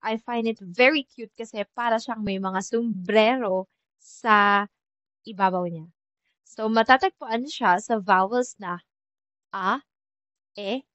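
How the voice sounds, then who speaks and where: A Filipino woman teaches beginners in an unhurried, chatty way, slowing down to repeat each example word. Her voice sits in an ordinary middle range and sounds dry and close, with a slightly dull, muffled recording. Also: mid-range voice, a bit bright, dry recording. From Philippines. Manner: chatty, mixes Tagalog and English, repeats example words slowly. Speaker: French teacher. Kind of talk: casual language lesson.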